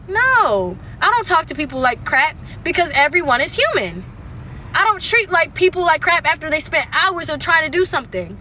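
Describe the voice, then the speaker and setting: Young woman going off on a phone livestream in her car, swears a lot, repeats herself, high voice. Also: sharp tone, slight background noise. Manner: blunt, profane and repetitive. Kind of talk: livestream rant.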